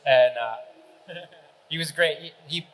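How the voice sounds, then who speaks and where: A man on a convention panel telling a lively anecdote. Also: a little high, slow pace, rough recording.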